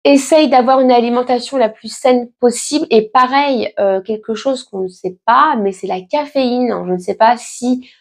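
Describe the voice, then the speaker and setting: At a normal speed with hardly any pauses, a woman in her late thirties, pregnant, chats with her viewers and answers their questions. Her voice is a little high, and she's casual and reassuring, with lots of fillers and restarts.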